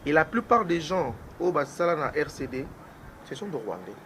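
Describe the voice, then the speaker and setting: A man giving political commentary as a guest on a talk show, talking in an animated way and switching between French and Lingala. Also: fairly high pitch, moderate pace, a little hiss or hum, poor audio.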